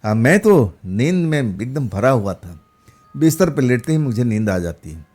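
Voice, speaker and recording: A man's voice: medium pitch, very animated, moderate pace, darkish tone, husky, soft background music. A man narrating a first-person horror story in a loose, rambling way, with fillers and restarts.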